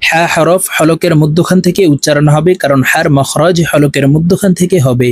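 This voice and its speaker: A man teaching Quran letter pronunciation, slowly chanting each syllable for the listener to repeat, then explaining in quicker asides. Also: on the high side, steady tone, breathy edge, no room sound. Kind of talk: slow drilled letter recitation with explanations.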